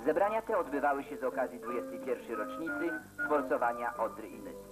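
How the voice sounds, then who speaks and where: A man's voice: medium pitch, expressive, brisk, low-quality recording. A man reading scripted narration for an old newsreel in a formal, declamatory way. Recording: narration over loud guitar music.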